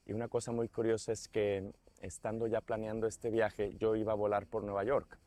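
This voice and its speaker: A low-pitched man from Michoacán with a Mexican accent gives a casual testimony. He rambles and restarts often. The recording is dry and close. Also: flat delivery, normal speed, dark tone, dry recording. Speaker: pilgrim giving testimony.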